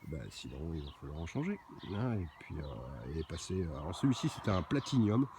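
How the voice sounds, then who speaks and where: A man's voice: low-pitched, very animated, fairly quick, noisy background. A man giving a casual, hesitant walking tour of his own garden outdoors, with many fillers and restarts.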